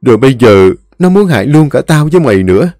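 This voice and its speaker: A man's voice: mid-range voice, animated, moderate pace, warm tone, dry recording, clean studio sound, voice pushed up, close to an everyday voice. A man voicing a terrified young man who pleads to flee a curse. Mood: panicked pleading. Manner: pleading, panicky.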